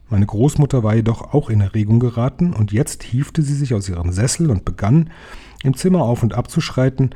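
A man calmly reading a children's book aloud in a measured storytelling manner. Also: mid-range voice, slightly rough. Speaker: reader.

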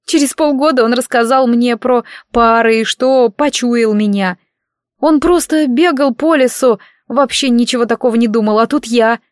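A woman's voice: a little high, normal speed, dry recording, studio quality, voice pushed up, natural voice. A woman reading the lines of a tearful teenage girl from a village who keeps crying while she talks. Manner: sobbing, pleading.

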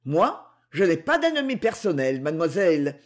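A reader voicing a stern, courteous brigand king who speaks gravely and with conviction. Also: fairly high pitch, big pitch swings, moderate pace. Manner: cool, courteous, solemn.

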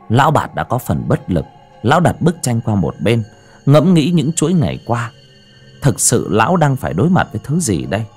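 Male narrator, horror audiobook, husky, very lively pitch, soft music underneath. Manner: expressive, rising and falling with the drama. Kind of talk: dramatic horror story narration.

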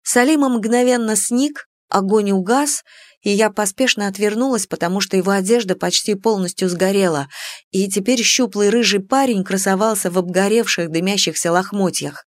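A woman's voice: mid-range voice, normal speed, no echo. A woman narrating in a dry, close voice. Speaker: audiobook narrator. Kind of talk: first-person scripted narration.

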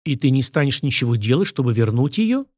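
A man's voice: medium pitch, big pitch swings, fairly quick, darkish tone, no echo, clean studio sound. A man voicing a playful teasing woman. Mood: pleading.

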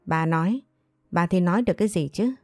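Hot-tempered older father, shouting and scolding, slightly low and dark, read by a woman. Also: fairly quick, no room sound, clean studio sound, faint music behind, natural voice. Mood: furious.

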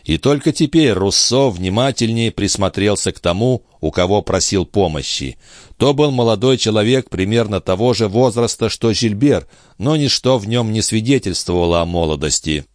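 A male audiobook narrator with a low voice, telling the story in a measured way. The sound is dry and close, with no room at all. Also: expressive, no room sound. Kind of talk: scripted narration.

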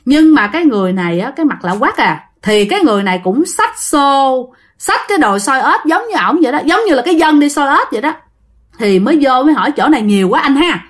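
A woman's voice: high voice, very animated, fast. A woman with a Southern Vietnamese accent, hosting a ghost story channel and narrating in a chatty way, often addressing her listeners.

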